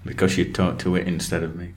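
A man co-hosting a podcast in casual chat, with deadpan, playfully obtuse jokes. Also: sits low, quick pace, slight background noise. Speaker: podcast co-host.

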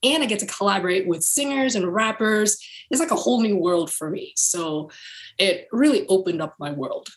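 A woman, a music producer, telling her story in a relaxed, casual podcast chat. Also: medium pitch, moderate pace, poor audio.

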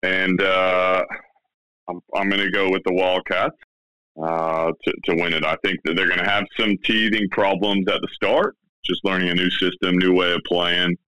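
A man's voice: sits low, level tone, moderate pace, pushed and bright, clear, resonant tone, no echo, rough recording. A man giving basketball predictions as a guest, hesitant with many fillers. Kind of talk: casual sports chat.

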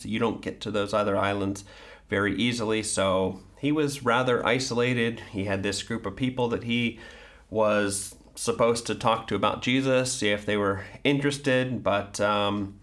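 A man hosting a casual commentary on a spiritual book, talking in a thoughtful, hesitant way with many pauses and restarts. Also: mid-range voice, fairly bright tone. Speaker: host.

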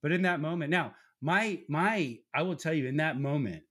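A man in his forties, a podcast co-host, tells a personal story about his faith in earnest, conversational faith-based talk. His voice is a bit bright and slightly rough, at normal speed, and he raises his pitch to act out quotes.

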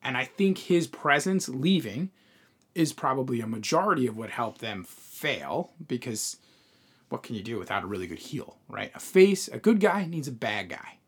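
A man in easy podcast chat, going on at length about a TV episode. His pitch rides up and down with real life as he makes his points. He swears casually and keeps circling back to his idea. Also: big pitch swings, moderate pace, breathy edge. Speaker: podcast co-host.

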